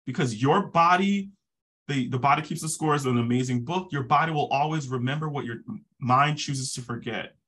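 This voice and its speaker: A man's voice: mid-range voice, normal speed, fairly bright tone. A man who works as a therapist, talking earnestly in a casual podcast conversation and repeating words for emphasis.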